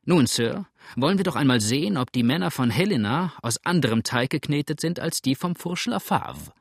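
A man's voice: medium pitch, expressive, moderate pace, vocal fry, husky, no echo, clean studio sound. A man voicing a blunt, impatient frontier farmer who speaks brusquely and calls out heartily. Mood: hearty.

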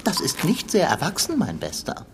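A woman's voice: low voice, wildly swooping pitch, moderate pace, a little hiss or hum. A woman voicing a small, pompous know-it-all male creature in a children's audio drama, speaking in a prim, formal, lecturing way. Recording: music playing underneath.

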